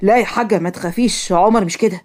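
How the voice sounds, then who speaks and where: A woman doing a polite young Egyptian gentleman. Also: mid-range voice, fast talker, pitched below the performer's own voice, natural voice. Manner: courteous, soft, earnest. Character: polite, wealthy young man, calm mediator. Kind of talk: cartoon story voice acting.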